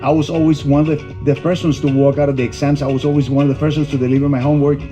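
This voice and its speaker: A man's voice: fairly high pitch, level tone, racing, dark tone, faint music behind. A middle-aged man from Colombia, a dentist and business owner, answering interview questions earnestly in short listed phrases.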